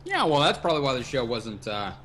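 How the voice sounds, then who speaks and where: Animated, swearing male podcast host. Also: medium pitch, quick pace, background noise. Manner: animated storyteller who swears freely. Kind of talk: casual chat. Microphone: livestream podcast mic.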